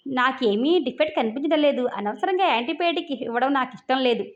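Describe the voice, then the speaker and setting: A composed male throat specialist who speaks in a measured, advising way, voiced by a woman. The recording is muffled and lo-fi, and the voice sits high. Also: animated. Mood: calm. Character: calm, matter-of-fact male throat doctor. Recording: dull lo-fi recording.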